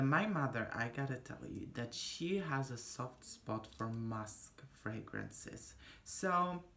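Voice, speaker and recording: A young vlogger with a Polish accent talks slowly and unhurriedly, rambling and breaking off mid-thought. The sound is casual and close, caught on a phone held at arm's length in a small indoor room. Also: medium pitch, fairly bright tone. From Poland. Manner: rambling, chatty, self-interrupting. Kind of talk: casual chat to camera. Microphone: phone camera at arm's length.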